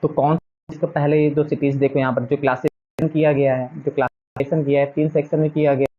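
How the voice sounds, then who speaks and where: A man's voice: fairly high pitch, little pitch movement, brisk. A young adult man teaching a class, explaining a textbook chapter in casual talk that mixes in English phrases and asks many rhetorical questions. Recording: dull lo-fi recording.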